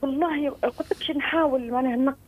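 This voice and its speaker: A woman in her forties with a Tunisian Arabic accent, calling in and talking quickly with many hesitant restarts. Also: sits high, fairly even intonation. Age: 40s. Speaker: caller. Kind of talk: phone-in call. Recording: tinny phone line.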